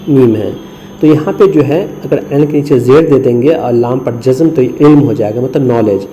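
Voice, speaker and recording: A man's voice: mid-range voice, mellow, a little hiss or hum, low-quality recording. A man from India teaching Urdu script, patiently spelling out letters syllable by syllable and mixing English words into his explanations. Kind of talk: screen lesson.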